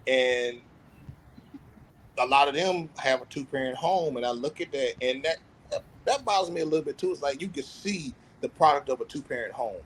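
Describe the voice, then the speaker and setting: In a casual podcast conversation, a panelist in his thirties speaks candidly and reflectively about himself, earnestly opening up about his feelings. His mid-range voice is husky and comes at a normal speed, though the audio is poor.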